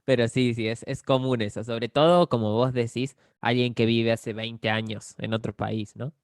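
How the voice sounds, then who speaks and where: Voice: medium pitch, steady tone, moderate pace, no room sound, clean studio sound. A speaker from Córdoba in Argentina with a Cordoba Argentine accent, patiently explaining Spanish grammar with examples and often checking in with the listener. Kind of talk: explanatory conversation.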